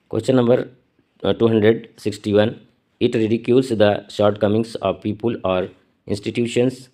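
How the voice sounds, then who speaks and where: A man teaching an exam prep lesson. He reads English questions slowly, then explains them quickly in Hindi. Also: lowish voice, warm tone. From India.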